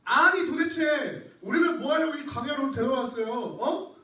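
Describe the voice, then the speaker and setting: A male preacher acting out a complaining, exasperated Israelite man in a loud, high voice. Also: normal speed, reverberant, distant mic. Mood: grumbling complaint. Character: whining grumbling Israelite crowd member, male adult.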